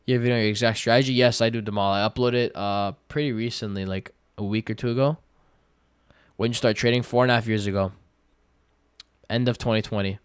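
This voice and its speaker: A twenty-year-old man livestreaming, reading viewer questions aloud and answering in relaxed, slangy chat full of fillers. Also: lowish voice, fast talker, clear, resonant tone, dry recording, clean studio sound. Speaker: day-trading livestreamer.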